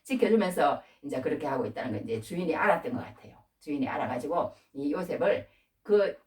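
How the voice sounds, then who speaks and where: A woman gives a homely, conversational sermon, retelling a Bible story in her own words. Her pitch rises and falls in a very animated way. She sounds a little distant from the microphone. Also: fast, echoey room. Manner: folksy, retells scripture with acted-out dialogue. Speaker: preacher.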